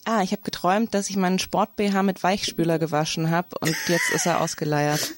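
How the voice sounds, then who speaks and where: A woman's voice: on the low side, huge pitch swings, brisk, slight background noise. A woman co-hosting a podcast, telling stories in casual chat, rambling with lots of fillers. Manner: rambling storyteller with many fillers. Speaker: podcast co-host.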